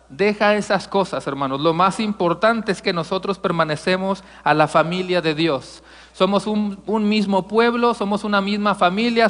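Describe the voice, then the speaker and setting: A man's voice: high-pitched, a bit bright, long reverb tail. A man from Mexico preaching a conversational sermon as pastor, addressing the congregation as brothers. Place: church sanctuary.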